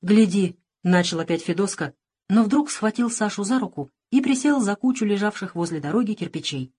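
A woman reading a storybook aloud in a calm, even narrating voice. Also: mid-range voice, a little fast, slightly rough. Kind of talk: scripted narration.

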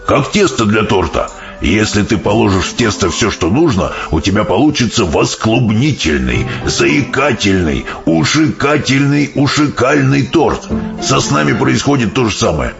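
A low, gravelly voice for a big kindly giant who fumbles words into strange inventions, as a man puts him on. Dull audiobook sound with faint music behind. Storybook telling. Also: very animated, moderate pace. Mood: musing. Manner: mangles words into odd coinages.

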